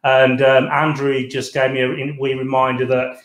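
A man talking casually on a video call whose sound keeps breaking up, speaking haltingly with restarts and fillers. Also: medium pitch, little pitch movement, a bit bright. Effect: breaking-up, dropping video-call audio. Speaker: guest speaker at a virtual tasting. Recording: roomy video-call audio that keeps cutting out.

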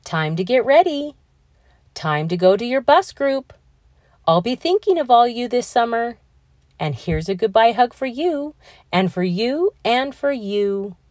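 A woman voicing an affectionate, excitable female schoolteacher in a children's storybook, effusive and exclaiming. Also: on the high side, unhurried, dry recording, studio quality. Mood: warm. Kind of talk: children's storybook character reading.

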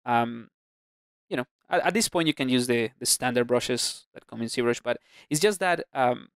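A man narrating a screen-recorded 3D sculpting tutorial, talking through his brushes in a relaxed way with plenty of fillers and restarts. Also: medium pitch, moderate pace, smooth, no room sound, clean studio sound. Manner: relaxed, thinking aloud with many fillers and restarts. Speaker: ZBrush instructor. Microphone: close mic, voice-over on screen capture.

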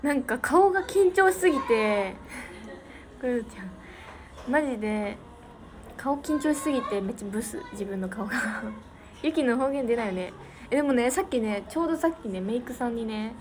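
A young woman with a Niigata Japanese accent hosts an idol livestream, chatting casually with fans, giggling and thanking viewers by name. Her voice is a little high and expressive, delivered at a normal speed. The recording has a noisy background.

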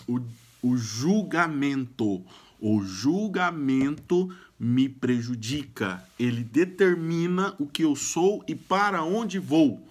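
A man's voice: a little high, a bit bright. A Brazilian man giving self-help advice straight to camera in a casual, emphatic way, now and then repeating sounds at the start of a phrase. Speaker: YouTube speaker giving self-help tips.

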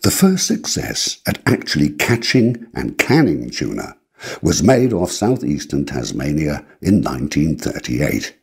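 A man narrating a historical documentary in a measured, formal way. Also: extremely low pitch, huge pitch swings, gravelly, slightly rough.

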